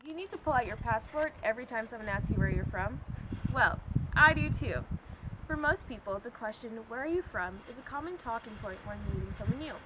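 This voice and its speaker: A woman's voice: on the high side, lively intonation, fairly quick. A young woman from Ireland giving wry, scripted personal narration as a student. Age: young adult. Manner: wry, questioning. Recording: clear background noise.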